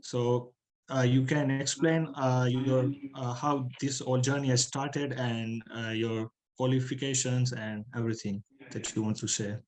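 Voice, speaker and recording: A man's voice: mid-range voice, fairly even intonation, unhurried, a little mellow, poor audio. A man hosting an online talk, formal in his welcomes and hesitant in places. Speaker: host.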